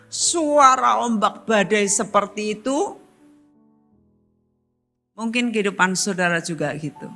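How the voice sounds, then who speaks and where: A woman's voice: on the high side, bright, forceful tone. A woman preacher, giving an emphatic sermon, repeating her phrases and speaking straight to her congregation.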